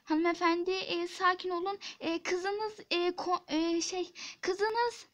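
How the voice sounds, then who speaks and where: A woman voicing a soft, soothing nurse. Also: very high-pitched, fairly even intonation, slow pace, exaggerated voice. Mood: gentle. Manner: soft, hesitant and pleading. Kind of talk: Turkish toy-app drama voice acting.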